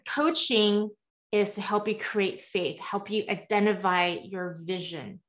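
Over webcam audio from a home room with shelves, a woman guest coach in her forties speaks in a medium-pitched, slightly slow voice. Born in the US and partly raised in Taiwan, she's earnest and candid, using animated hand gestures and chatty "right?" asides.

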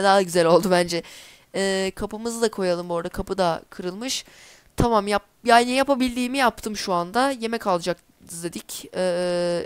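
Woman, gameplay commentator, mid pitch, smooth tone, chatty and easily exasperated. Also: no room sound. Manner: chatty, easily exasperated, talks to herself while playing. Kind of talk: casual let's-play commentary.

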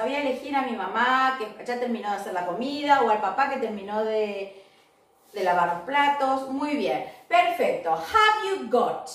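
Animated, high-voiced woman teacher. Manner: upbeat, repeats and models English words slowly. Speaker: English teacher. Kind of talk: online class for children. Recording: echoey room, voice far from mic.

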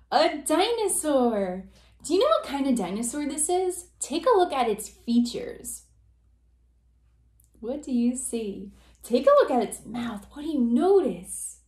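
A woman teacher with a high, bright-pitched voice reads a picture book aloud to small children. She talks slowly and in a sing-song way, with wide swoops of pitch and coaxing questions. The sound is roomy and echoey. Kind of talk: children's read-aloud lesson.

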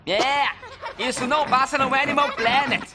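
A man with a Brazilian accent voicing a lively, restless, wisecracking zebra in an animated film dub, playful and slangy. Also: very high voice, normal speed, very noisy.

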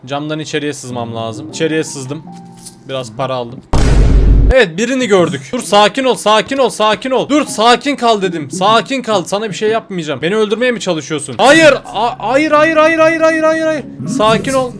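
A man's voice: on the high side, a little hiss or hum. A man commentating a video game as he plays, chatting along and reading the in-game text aloud. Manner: chatty play-by-play, reading in-game text aloud, turns frantic when caught. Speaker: gaming YouTuber.

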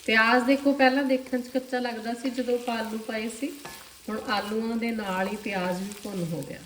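A woman's voice: on the high side, fairly quick. Woman with a Punjabi accent explaining a recipe. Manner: calm, explanatory, addresses viewers directly. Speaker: cooking channel host. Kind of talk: step-by-step cooking instruction. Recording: echoey kitchen with faint noise. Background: sizzling and stirring of food.

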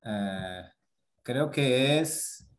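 Slow, patient male Spanish teacher. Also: mid-range voice, animated. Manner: explains patiently with many fillers and tag questions. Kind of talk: casual online grammar lesson.

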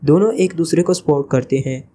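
A man's voice: fairly high pitch, fairly quick, warm tone, a little hiss or hum, close to an everyday voice. A man reading the part of a sulky, sarcastic male agent.

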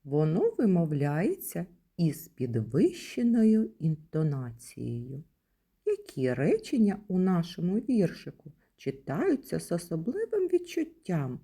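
A woman kindergarten teacher from Ukraine giving a recorded lesson to young children, speaking in a slow, sing-song teacherly way. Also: lowish voice, wildly swooping pitch, warm tone, breathy edge.

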